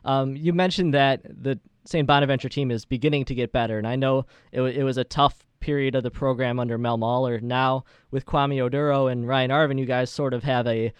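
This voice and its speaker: A man's voice: mid-range voice, steady tone, a little fast, few pauses, smooth, dry recording. A man hosting a sports show, talking conversationally through interview questions and soccer commentary in a wordy way.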